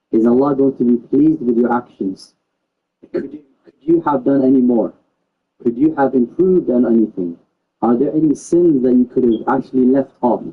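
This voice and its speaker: A man's voice: medium pitch, phone-quality sound. A man from England giving an Islamic lesson, speaking earnestly and repeating himself often. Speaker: Islamic teacher. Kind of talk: religious lesson to a gathering.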